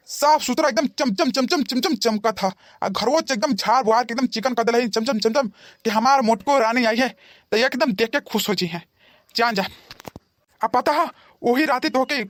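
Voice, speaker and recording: A woman's voice: on the high side, no room sound, studio quality, lightly acted. A woman voicing an aging cartoon husband who coaxes his wife and stammers through excuses, with a Bhojpuri accent. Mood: coaxing. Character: aging husband, pleading and wheedling. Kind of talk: cartoon voice acting.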